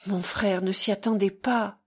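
A woman reading an audiobook, voicing a gentle, earnest young man who stammers a little. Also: medium pitch, steady tone, measured pace, husky.

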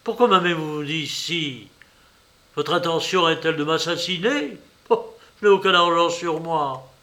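A man's voice: fairly high pitch, unhurried, sharp tone. A man reading an audiobook, voicing an arrogant but frightened nobleman who blusters and pleads. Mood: scared pleading.

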